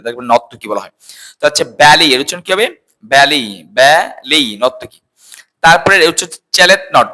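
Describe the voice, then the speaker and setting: Bright-voiced man teaching English words. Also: a little high. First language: Bengali. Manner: drills words by repeating them slowly and asking the class. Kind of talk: casual spoken lesson.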